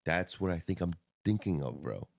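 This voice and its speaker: A man's voice: low voice, animated, normal speed, creaky, darkish tone, a little hiss or hum. A man co-hosting a podcast, chatting casually and rambling, often calling his friend "bro". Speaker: podcast co-host. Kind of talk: casual chat.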